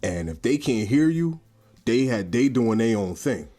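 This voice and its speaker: A man's voice: mid-range voice, very animated, a little slow, mellow. A man hosting a podcast, laid-back and conversational, keeping the talk moving with short responses. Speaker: podcast host. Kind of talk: casual podcast chat.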